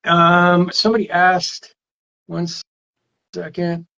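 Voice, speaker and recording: A man's voice: high-pitched, completely flat delivery, slow pace, creaky, bright, forceful tone, highs cut off. A man hosting a casual live stream on a phone or webcam, rambling and reading viewer comments aloud.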